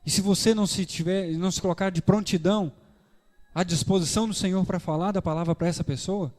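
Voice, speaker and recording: A man preaching a sermon with a Brazilian Portuguese accent, animated, acting out dialogues in shifting voices. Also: a little high. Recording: reverberant church hall.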